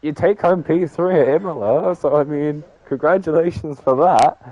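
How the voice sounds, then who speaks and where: A man with a somewhat high, mellow voice hosts a sim racing league broadcast, doing a casual post-race interview at normal speed. He rambles, uses lots of filler and keeps saying "I mean." The recording has its highs cut off.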